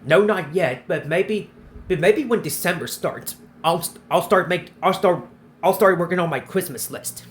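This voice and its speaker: A man in his twenties hosts a casual vlog answering viewer questions, often repeating himself and restarting his phrases. He has a high voice at normal speed, with a little hiss or hum in the audio.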